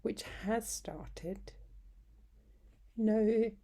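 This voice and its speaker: A woman with a medium-pitched voice leads a guided meditation as a yoga nidra instructor. Her delivery is soft, breathy, husky, and soothing, unhurried, with long pauses between short phrases.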